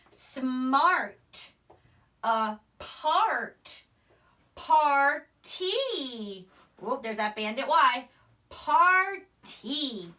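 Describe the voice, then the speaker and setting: A young female primary school teacher gives a phonics lesson to young children, sounding out words and letters with emphasis in front of a whiteboard in a small indoor room. Her voice is high-pitched, pushed and bright, and sounds distant on a camera mic a few steps away.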